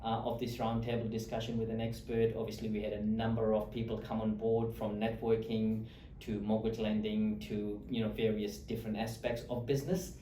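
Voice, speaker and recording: Host role: a talkative, friendly man interviewing a guest, with a mellow tone, recorded a little away from the mic. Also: fairly low pitch, little pitch movement, fairly quick, a little hiss or hum. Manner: friendly, talkative with frequent fillers and restarts. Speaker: host, lawyer. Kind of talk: interview chat. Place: office or meeting room in Australia. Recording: echoey room, mic at a distance.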